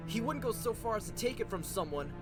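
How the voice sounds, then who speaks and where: A woman's voice: medium pitch, animated, fast, lightly acted. A woman playing an earnest, doubtful young hero in a video game fan dub. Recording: loud music under the voice.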